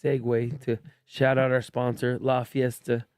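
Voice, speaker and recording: A man hosts a casual podcast in a relaxed, joking way. His voice sits in an ordinary middle range. The sound is close and dry, with no room around it. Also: mid-range voice, unhurried, smooth, dry recording. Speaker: podcast host. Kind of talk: casual chat.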